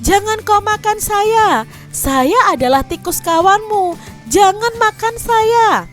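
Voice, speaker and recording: A tiny storybook mouse in a panic, squealing high and loud as it begs, voiced by a woman. The pitch sits far above a plain speaking voice. Soft music plays underneath. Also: lively intonation, slow pace, full character voice. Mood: pleading. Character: panicking small male mouse.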